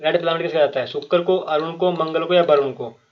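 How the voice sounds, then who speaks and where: A man with a fairly high voice runs an exam-prep quiz lesson, reading out each question and its options before explaining the answer. He repeats himself often and talks straight to the viewers. The recording sounds muffled and lo-fi. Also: fast talker. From Himachal Pradesh. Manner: frequent fillers and restarts, addresses viewers directly. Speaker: quiz teacher.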